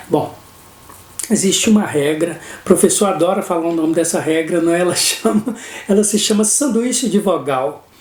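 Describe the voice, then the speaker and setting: A man's voice: high voice, mellow. A man with a Brazilian Portuguese accent teaching an English grammar lesson, explaining patiently and often checking in with his students. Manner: explanatory, keeps checking in with "não é?". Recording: roomy echo.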